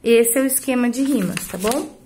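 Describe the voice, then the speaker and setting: A woman teacher, with a Brazilian Portuguese accent, going through homework corrections in a recorded remote lesson, counting syllables slowly and carefully. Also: a little high, darkish tone, husky.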